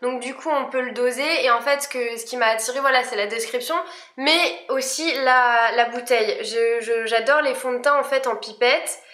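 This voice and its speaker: Young girl doing a makeup haul, bright higher voice, lots of euh, echoey room. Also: steady tone, moderate pace. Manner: chatty, many fillers and restarts. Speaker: beauty vlogger. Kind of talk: casual product review.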